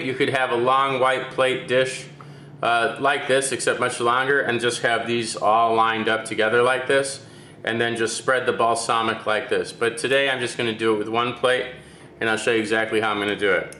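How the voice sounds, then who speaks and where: A man's voice: medium pitch, steady tone, moderate pace, sharp tone, echoey room, slight background noise. A man working as a chef, giving a step-by-step cooking demonstration and checking in with "okay?".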